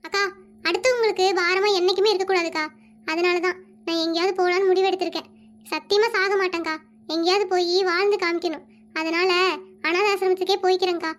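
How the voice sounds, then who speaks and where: Performer voicing an unhappy young wife, very high squeaky voice, quick, pleading, cartoon. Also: steady tone. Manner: pleading, keeps calling the other woman akka. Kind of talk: animated comedy dialogue.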